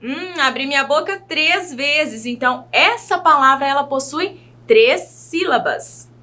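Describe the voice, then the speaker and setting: A woman teacher with a Brazilian Portuguese accent, giving a patient children's video lesson and sounding out words slowly, syllable by syllable. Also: sits high, animated, bright, forceful tone. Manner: slow, careful syllable-by-syllable enunciation; patient, addresses young pupils directly.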